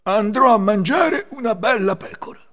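A man's voice: sits high, lively intonation, normal speed, a bit bright, big-room sound, voice pushed up. Man doing a puzzled hungry wolf. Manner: raised, bewildered grumbling.

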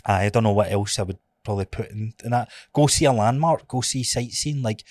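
A man's voice: lowish voice, brisk, a little mellow, dry recording. A Scottish man co-hosting a fitness podcast as a coach, chatting casually in an informal, sweary, motivational way.

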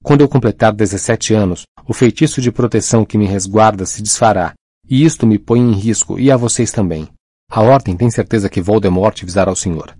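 A man's voice: on the low side, brisk, dark tone, no room sound, lightly acted. A man doing a sarcastic teenage boy. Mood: insistent. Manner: dry, impatient, sarcastic.

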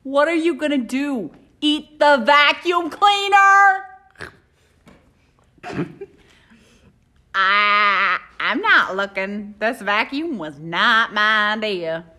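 Woman as a stubborn teasing church lady, high lively voice, slow delivery. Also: full character voice. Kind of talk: amateur church skit.

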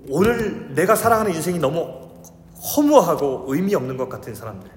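A man in his thirties preaching a sermon as pastor, shifting between urgent raised delivery and soft, hushed storytelling. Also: a little high, big pitch swings, fairly quick, a little hiss or hum. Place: church sanctuary. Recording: echoey hall with long reverb.

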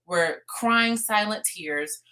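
A woman's voice: medium pitch, slow pace, sharp tone. A woman co-hosting a motivational talk, earnestly giving practical advice. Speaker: co-host.

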